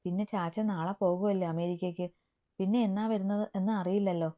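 A woman voicing a timid, soft-spoken young woman, a younger sister, in a dull lo-fi recording. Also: medium pitch, steady tone, fairly quick, close to an everyday voice.

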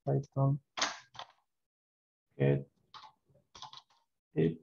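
A man's voice: mid-range voice, big pitch swings, drawn-out words, creaky. A man with a Salta Argentine accent teaching an online programming class, explaining patiently and often checking in with a questioning "¿sí?". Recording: dull roomy online class audio.

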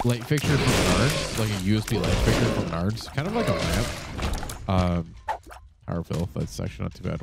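A fairly low-voiced man with a stuffy, congested sound, chatting loosely as he plays. He rambles, swears freely and leans on lots of ums and uhs. Game music plays clearly underneath him. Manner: rambling, swears often, frequent fillers. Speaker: gaming channel host. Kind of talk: casual gameplay commentary. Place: home setup with monitor.

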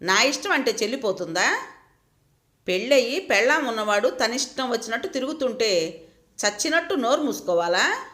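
Indignant, scolding friend, high and lively , as a woman reader puts her on. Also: normal speed. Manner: angry, scolding.

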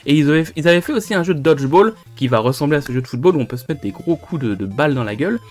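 A man's voice: a little high, lively intonation, rapid-fire, darkish tone, faint music behind. A man hosting a retro gaming video, chatting loosely with many hesitations and restarts. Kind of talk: casual gameplay commentary.

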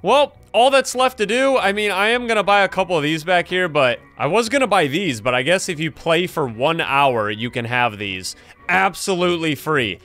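A young adult man hosting gameplay commentary in an animated, exclaiming way, close on a streaming mic. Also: a little high, moderate pace. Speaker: gaming video host, streamer.

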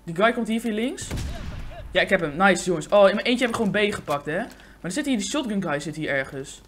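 A man giving live, excitable gameplay commentary, swearing often and talking in slang into a condenser microphone. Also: high voice, fast talker. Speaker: gaming YouTuber. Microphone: USB condenser microphone.

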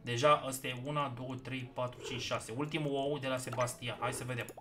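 A man giving casual gameplay commentary as a gaming YouTuber, excitable and swinging between loud outbursts and quiet muttering. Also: mid-range voice, soft background music.

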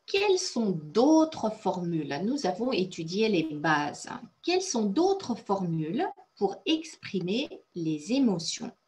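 Russian-native woman teacher, unhurried, cheerful praise for students. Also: medium pitch, very animated, a little mellow. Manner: encouraging, praises students often; explains and translates phrases step by step. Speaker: French teacher. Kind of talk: online conversation class.

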